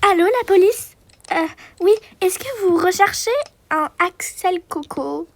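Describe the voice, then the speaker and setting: A woman's voice: a little slow, no echo. A woman voicing a frightened young mother who hesitates and stammers as she speaks. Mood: urgent. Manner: high-pitched, hesitant, full of fillers. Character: frightened young mother protecting her daughters.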